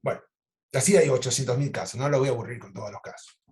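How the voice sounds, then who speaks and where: A man with an Argentine Spanish accent, a psychoanalyst lecturing over a video call and telling clinical cases in a lively, animated way. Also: mid-range voice, fast talker, a little hiss or hum. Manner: animated storytelling, acts out quoted lines. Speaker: psychoanalyst teaching an online course.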